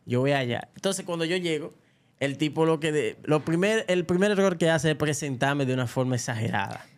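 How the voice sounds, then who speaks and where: A young adult Dominican man with a fairly high voice, chatting like a guest on a podcast. He tells stories with energy and acts out the voices of the people in them. He has a Dominican Spanish accent and does not pronounce the R. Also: brisk. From Dominican Republic. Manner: animated storyteller who acts out quoted voices. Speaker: comedian guest. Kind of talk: casual podcast chat.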